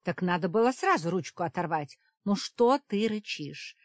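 A blunt young witch who studies necromancy, as a woman narrator voices her in an audiobook. She talks brisk and matter-of-fact in a lowish voice. The sound is close and dry. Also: expressive, dry recording, natural voice. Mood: flippant. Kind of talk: audiobook character reading.

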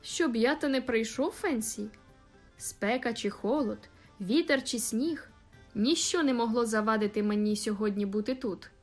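A woman's voice: a little high, normal speed, soft background music, close to an everyday voice. A woman reading an audiobook voices Dick, a cheerful, devoted young groom who teases his bride.

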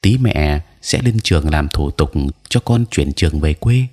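A man voicing a gentle, caring young mother in an audio story, speaking softly and coaxingly. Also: very deep voice, animated, unhurried, heavily acted. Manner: soft, coaxing.

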